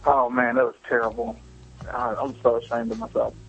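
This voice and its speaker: Calling into a podcast's voicemail, a young man shares offhand personal stories, candid, self-deprecating and full of swearing. His mid-range voice stays level and brisk, creaky and slightly bright with a breathy edge. The lo-fi message sounds muffled, with music in the background.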